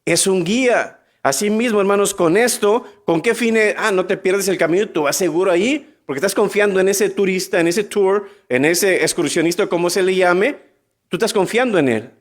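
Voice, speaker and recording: High-voiced preacher, lively questions. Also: male voice. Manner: acts out biblical dialogue in quick voices, asks the congregation questions. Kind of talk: sermon.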